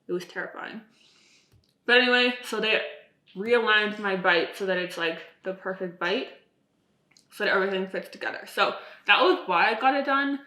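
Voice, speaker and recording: A woman's voice: mid-range voice, moderate pace, sharp tone. A woman in her twenties chatting casually and ramblingly to camera, with stiff-mouthed speech from swollen, numb lips like fresh lip filler. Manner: rambling, self-deprecating, frequent "like". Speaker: vlogger. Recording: echoey, roomy sound.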